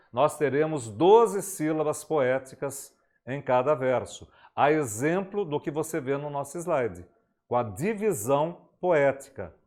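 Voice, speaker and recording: Brazilian guy teaching a poetry class, a bit high, slow and emphatic, reads the verses all dramatic. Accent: Brazilian Portuguese. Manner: emphatic, declamatory, rhetorical questions; reads poem lines slowly and dramatically. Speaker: literature teacher. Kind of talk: exam-prep literature lecture.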